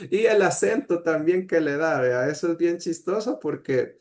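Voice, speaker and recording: A man with a Salvadoran Spanish accent giving an online language class, pausing often with "eh" and checking in with "¿sí?". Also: fairly high pitch, animated, darkish tone. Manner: hesitant, many "eh" fillers and "¿sí?" checks. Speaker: Nahuat language teacher.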